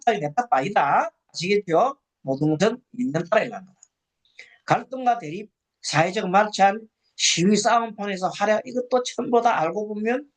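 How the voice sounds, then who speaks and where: A meditation lecturer who teaches by asking listeners rhetorical questions and repeating phrases, and who gives slow, drawn-out breathing cues. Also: medium pitch.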